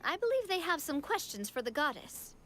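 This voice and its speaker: A woman voicing a calm, wise young queen in a video game, speaking with gentle, measured authority. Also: sits high, a little hiss or hum.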